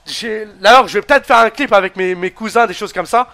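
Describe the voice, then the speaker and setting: Young male gaming streamer, very high gravelly voice, loud hyped play-by-play and swearing. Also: brisk. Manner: shouts, counts pins, swears, addresses viewers. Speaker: gaming streamer commentating a wrestling game. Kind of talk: excited play-by-play commentary.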